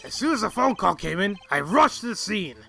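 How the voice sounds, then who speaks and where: A man's voice: sits high, big pitch swings, fairly quick, gravelly, music in the background, heavily acted. A man voicing a bumbling, eager-to-please homicide detective in a game fandub, deferential and blustering. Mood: earnest testimony. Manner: deferential, blustering, ending sentences with "sir". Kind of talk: game fandub character acting.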